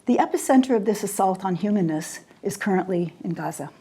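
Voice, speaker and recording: Older woman scholar from Jordan delivering a formal lecture; measured, warm, dark-toned voice. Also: mid-range voice, lively intonation, breathy edge. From raised in Jordan. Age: 60s. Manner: measured, deliberate delivery with weighty pauses. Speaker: poet and scholar giving a lecture.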